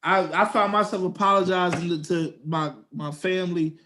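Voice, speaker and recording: A man's voice: high voice, steady tone, normal speed, bright, forceful tone, slight background noise. A young man, co-hosting a podcast and telling a story in slangy casual chat, acting out quotes in a raised voice. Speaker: podcast co-host.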